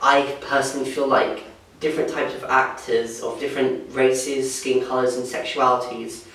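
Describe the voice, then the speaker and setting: Young man, vox pop interviewee, flat delivery, distant mic in an echoey room. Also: medium pitch, normal speed. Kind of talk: casual vox pop answer. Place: small indoor room by a door.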